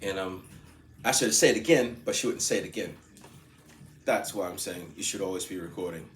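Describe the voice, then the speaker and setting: A man's voice: low voice, fairly quick, a little hiss or hum. Rambling man telling a story, echoey room. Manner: rambling, laughs often, repeats himself. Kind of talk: casual storytelling monologue. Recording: echoey room with faint ambience.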